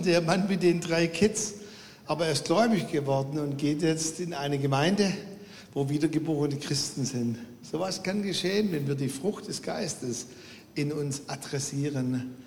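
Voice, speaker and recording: A man's voice: on the high side, a little mellow. A man preaching a sermon to his congregation, telling a story animatedly and acting out the quotes. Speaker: pastor. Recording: long hall reverb.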